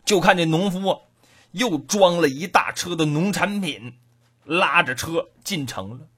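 A woman tells a traditional folk tale in a punchy, colloquial manner. Her voice is husky and leaps widely in pitch, throwing lines at the listener. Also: a bit bright. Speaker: storyteller. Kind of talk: traditional oral storytelling.

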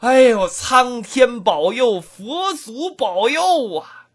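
A man voicing an excited, devout middle-aged wife, gushing in high exclamations. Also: slow pace, breathy edge, full character voice. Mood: ecstatic.

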